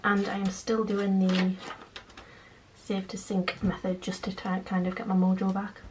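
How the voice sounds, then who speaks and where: A young British woman talking quietly at night in a casual, hushed vlog style, as if others are asleep nearby. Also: mid-range voice, completely flat delivery, measured pace. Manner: quiet, hushed late-night talking so as not to wake sleeping children. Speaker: vlogger, channel host. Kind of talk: casual budgeting vlog, chatting while counting cash. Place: at home at night. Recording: clearly noisy home recording with clicks.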